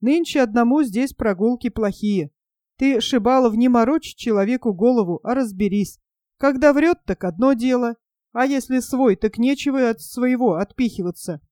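A woman's voice: a little high, normal speed, warm tone, no echo, studio quality, close to an everyday voice. A woman voicing a stern adult male partisan sentry who talks bluntly and scolds in folksy speech. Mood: gruff.

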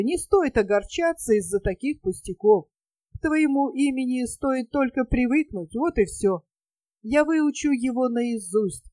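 A woman voicing a young, self-satisfied male army captain in an audiobook, smooth-talking and grandly vowing his love. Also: fairly high pitch, darkish tone, no room sound.

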